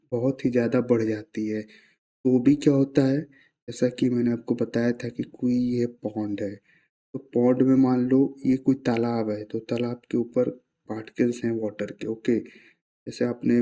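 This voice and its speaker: A man with a medium-pitched, warm voice teaches science in a casual, classroom-style explanation, posing rhetorical questions to himself and mixing in English terms.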